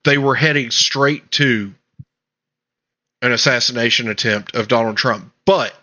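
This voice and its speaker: A man's voice: mid-range voice, a little slow, pushed and bright. A man hosting a political talk show, ranting emphatically in casual commentary with frequent restarts. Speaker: podcast host.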